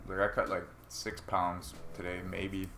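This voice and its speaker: Brief: lower-voiced man, swears freely, vivid storyteller with quoted lines, casual podcast chat. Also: measured pace, slight background noise. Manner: profane, animated, acts out quotes. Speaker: amateur fighter. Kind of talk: casual storytelling among friends.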